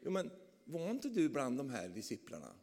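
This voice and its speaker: A man playing a nosy young girl, soft-voiced and probing. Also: medium pitch, wildly swooping pitch, long reverb tail.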